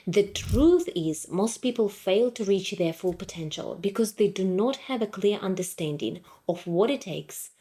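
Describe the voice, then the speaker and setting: A woman's voice: medium pitch, mellow. A woman in her thirties from Ukraine giving a firm, direct, scripted motivational talk to her followers. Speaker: motivational vlogger.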